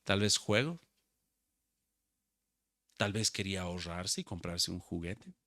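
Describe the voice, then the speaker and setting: A man's voice: low voice, lively intonation, unhurried, bright, forceful tone, no room sound, clean studio sound. A man preaching a sermon as pastor, urging his listeners and calling each one brother. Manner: exhorting, addresses listeners as brother.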